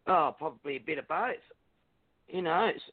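A man's voice: on the high side, animated, normal speed, no room sound. Blunt Aussie tradesman type on the phone. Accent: Australian. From Australia. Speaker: guest on a podcast. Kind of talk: casual chat. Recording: thin phone-line sound.

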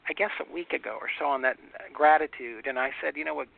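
A man's voice: on the high side, fast, vocal fry, no room sound. Emphatic man on a tinny phone line. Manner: emphatic, animated storytelling, frequent "you know". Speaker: radio show co-host, ordained minister. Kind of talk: casual spiritual talk radio chat.

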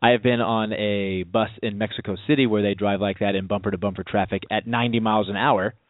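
A man co-hosting a radio talk show, telling stories in a lively casual way. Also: fairly low pitch, fast, no echo. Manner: animated storyteller, voice jumps up in quotes. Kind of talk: casual chat. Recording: dry, phone-like narrow sound.

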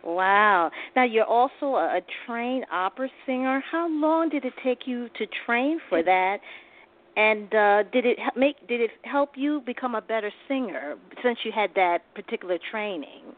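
Female host, gushing and halting, phone-quality audio. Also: fairly high pitch, expressive. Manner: effusive, halting with fillers. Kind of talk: radio interview. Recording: tinny phone-like line.

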